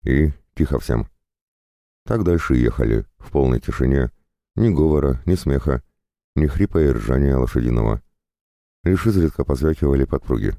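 Male audiobook narrator, extremely low gravelly voice, dry close sound. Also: dark tone, no room sound.

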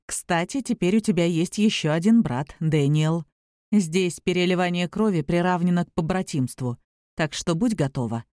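A woman's voice: fairly low pitch, normal speed, darkish tone, no room sound, studio quality, natural voice. A woman voicing a friendly, teasing young male werewolf in an audiobook, speaking easily and affectionately. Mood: fond. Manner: easygoing, affectionate, calls her little one.

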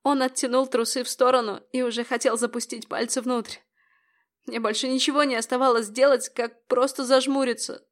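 Higher-voiced woman narrating a tense story. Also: flat delivery, fairly quick. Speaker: audiobook narrator. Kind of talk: first-person audiobook narration.

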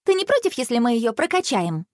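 A decisive older sister from a children's storybook, put on by a woman reading aloud. She talks briskly and snaps back sharply, her voice pitched high and bouncing all over. The sound is close and dry. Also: very animated, no room sound. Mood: excited. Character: bossy clever girl, older sister.

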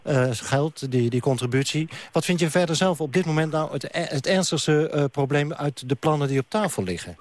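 A man's voice: fairly high pitch, expressive, normal speed, few pauses. A radio host questions his guests in a probing, lightly teasing way from the studio. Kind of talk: live radio interview and studio chat.

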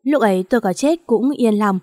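A woman voicing a gravely ill young husband who talks with sorrow and pleads. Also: on the high side, moderate pace, darkish tone, studio quality, close to an everyday voice. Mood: desperate. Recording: long hall reverb.

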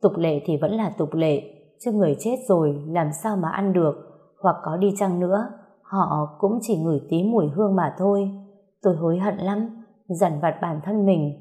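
Mellow woman telling a sad story. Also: fairly low pitch, normal speed. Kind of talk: scripted first-person story narration.

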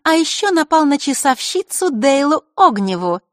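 A woman's voice: sits high, sing-song, normal speed, dry recording, clean studio sound, pitched above the performer's own voice. A woman voicing a sly, mocking teenage girl in an audiobook, with a sing-song, taunting delivery. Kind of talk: audiobook character reading.

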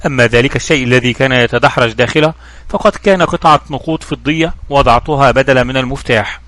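A man voicing a calm, shrewd young investigator in a storybook reading, with measured, questioning speech. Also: medium pitch, no room sound, lightly acted.

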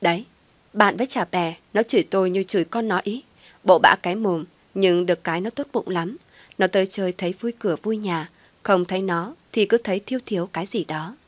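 A woman's voice: medium pitch, a little fast, no echo. A woman narrating a first-person audio story, reading every character's lines in her own voice. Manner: reads all characters' dialogue in her own voice.

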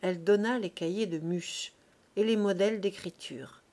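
Woman reading a classic novel aloud. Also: medium pitch. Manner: measured, even storytelling. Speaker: audiobook reader. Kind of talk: scripted narration of a classic novel.

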